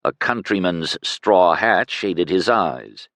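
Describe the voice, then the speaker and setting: A man narrating a fantasy audiobook in an expressive storytelling manner. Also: takes it slowly, no room sound, studio quality. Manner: expressive storytelling with lively pitch swings.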